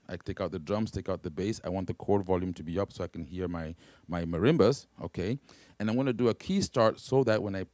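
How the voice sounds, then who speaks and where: Keyboard pads and guitar play as a low-voiced man walks through a keyboard's sounds in a casual demo with no echo. He explains each step haltingly, using fillers and restarts and repeatedly asking "right?" or "okay?".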